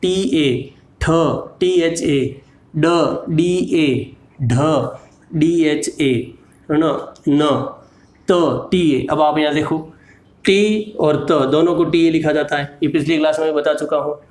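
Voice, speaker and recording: A man teaching with a slow, patient delivery, spelling letters out one at a time. His voice sits a little high, and the room around him echoes. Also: a little mellow. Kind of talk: slow explanatory lesson.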